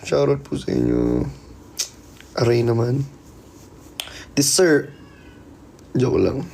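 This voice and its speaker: A man's voice: medium pitch, wildly swooping pitch, slow, gravelly, warm tone, slight background noise. A man hosting a casual live stream, playfully teasing and thanking viewers by name. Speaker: livestreamer.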